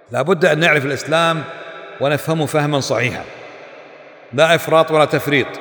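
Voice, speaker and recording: Fast, emphatic man teaching in an echoey hall. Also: on the high side, fairly bright tone. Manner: emphatic, with rhetorical questions. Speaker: Islamic scholar teaching a class. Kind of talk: religious lesson commentary. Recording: echoey hall with long reverb.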